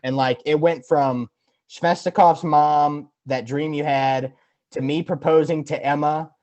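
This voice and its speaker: A young man co-hosting a casual podcast who tells rambling, animated stories and mocks himself. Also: on the high side, measured pace. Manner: animated storyteller, rambling, self-deprecating. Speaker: podcast co-host.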